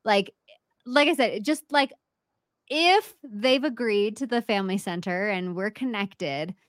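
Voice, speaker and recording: A woman's voice: mid-range voice, unhurried, no room sound, clean studio sound. A woman in her forties hosting a podcast interview, talking in a candid, blunt and chatty way. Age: 40s. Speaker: podcast host. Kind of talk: casual interview chat.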